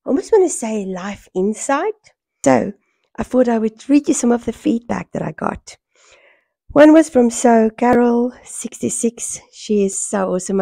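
A middle-aged South African woman with a hoarse voice worn by a cold, chatting casually in a home vlog. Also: on the high side, warm tone, dry recording. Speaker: sewing vlogger. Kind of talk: casual vlog chat to camera. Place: small furnished room at home, indoors. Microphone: small microphone held near the mouth.

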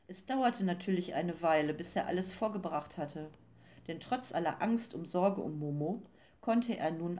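A woman narrating an audiobook in a calm, even storytelling manner. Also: low-pitched. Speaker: audiobook reader. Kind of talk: scripted narration.

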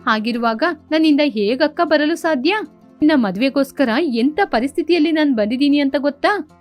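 A woman's voice: high voice, moderate pace, soft background music, close to an everyday voice. A woman voicing a playful young woman doctor who teases her older sister, in a storybook tale. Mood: pleading. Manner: teasing, lively.

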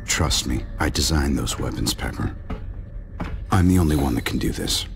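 A very deep, gravelly-voiced armored inventor, confident and stubborn. It is video game dialogue, with music behind the voice. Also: male voice, lively intonation, moderate pace, full character voice. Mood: earnest, resolute.

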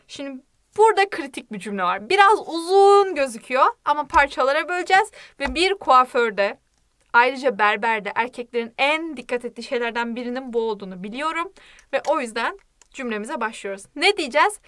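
A woman teaching a language lesson in a playful manner, repeating words slowly for learners. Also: high voice, expressive, pushed and bright, no room sound, studio quality.

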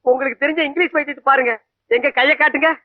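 A man's voice: very high voice, steady tone, very fast, no echo. A fussy, gossipy man. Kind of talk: Tamil film comedy acting. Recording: dry, dull lo-fi film audio.

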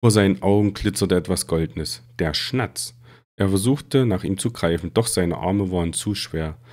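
A man reading a fantasy novel aloud in a steady, dramatic storytelling manner. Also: deep voice. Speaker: reader.

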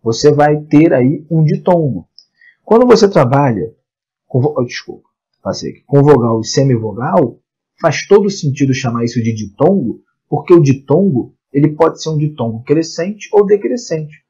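A man teaching exam-prep grammar, asking and answering his own questions in a lively lecture. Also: fairly high pitch, moderate pace, husky, highs cut off. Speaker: Portuguese teacher.

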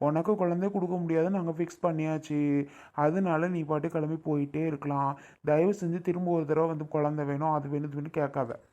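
A woman's voice: low voice, steady tone, a little fast, warm tone, natural voice. A woman playing a stern, irritable older father who scolds and shoos people away in a family drama skit.

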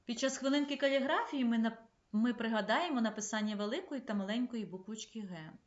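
Woman teacher talking kids through a remote lesson, slow clear instructions, echoey room, bit muffled. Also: a little high. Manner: clear, measured classroom instruction. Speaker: primary school teacher. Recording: echoey, slightly dull room recording.

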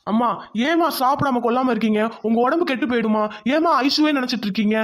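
A man's voice: very high-pitched, fast talker, fairly bright tone. A man voicing a caring son in a cartoon, coaxing his mother to eat.

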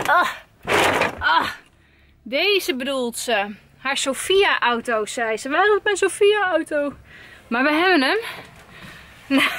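A woman's voice: sits high, heavy background noise. A woman in her twenties filming a family vlog, coaxing her toddler in a sing-song way and laughing often. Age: 20s. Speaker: family vlogger and mother. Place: at home and outdoors on the street.

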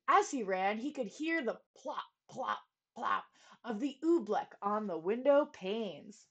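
A woman reading a picture book aloud to children from a home studio, expressive and stopping to explain. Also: fairly high pitch. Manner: expressive, pausing to explain to kids. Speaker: children's storyteller.

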